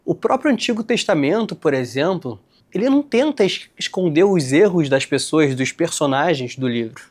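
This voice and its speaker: A young man from Rio de Janeiro, hosting a casual explainer and talking straight to his viewers in relaxed slang. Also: on the high side, moderate pace. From Rio de Janeiro, Brazil. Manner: conversational, addresses viewers directly with slang. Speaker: host, licensed tour guide.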